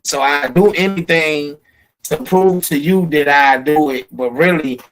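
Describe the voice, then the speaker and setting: A man with a somewhat high voice talks on a podcast in slangy, animated street speech, making his case like a lecture. His line cuts in and out a little, as if coming over a remote call. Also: unhurried, low-quality recording. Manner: animated, preachy street talk. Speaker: podcast host. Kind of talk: casual podcast conversation. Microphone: remote call with connection breaking up.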